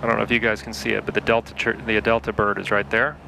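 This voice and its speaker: A man from Salt Lake City, Utah, gives easygoing running commentary while flying his home-built flight simulator, talking himself through cockpit checklists. His voice is fairly low with vocal fry, flat and quick, against a noisy background.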